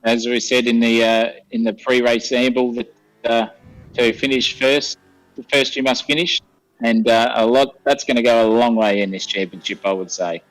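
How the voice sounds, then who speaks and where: A man's voice: mid-range voice, fairly even intonation, normal speed, fairly bright tone, dry recording, soft background music, poor audio. A man with a broad Australian accent, a co-commentator chatting casually in a blokey, hesitant way. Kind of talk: casual sports commentary and chat.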